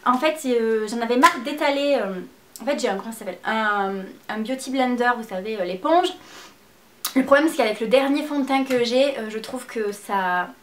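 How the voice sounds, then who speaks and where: A woman's voice: a little high, moderate pace. A young woman chatting casually through a beauty haul, hesitant, full of fillers and repeated words. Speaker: beauty vlogger. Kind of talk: casual product haul chat.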